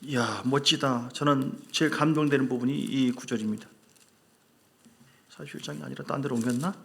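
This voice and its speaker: A man's voice: mid-range voice, brisk, creaky. A male pastor preaching a sermon, talking to the congregation in a conversational way and asking them questions. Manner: animated, acts out quarrels in a loud put-on voice.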